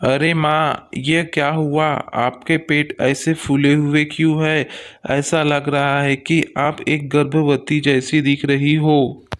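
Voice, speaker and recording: A man voicing a worried young husband and son in a cartoon story, asking slow questions. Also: fairly high pitch, flat delivery.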